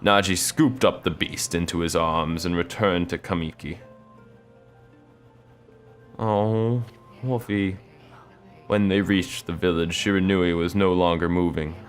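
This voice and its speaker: A young man reads a game's story aloud in a fairly low voice, breaking off for casual, joking asides. Soft game music plays faintly behind him. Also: steady tone, normal speed. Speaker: let's play narrator.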